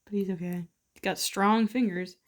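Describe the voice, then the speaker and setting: A woman with a voice at an ordinary pitch talks casually to the camera while feeding her toads. She coaxes the animals in a soft tone and tells loose, rambling stories full of fillers. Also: fairly even intonation, moderate pace. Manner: chatty storytelling with frequent fillers. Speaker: toad keeper filming her pets. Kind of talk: casual vlog chat.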